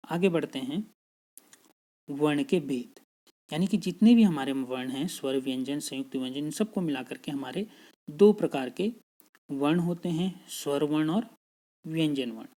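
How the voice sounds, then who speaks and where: A man's voice: a little high, moderate pace, mellow. A man teaching a grammar lesson patiently, repeating each point and checking in with his students. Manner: patient, repeats points, frequent "theek hai" check-ins.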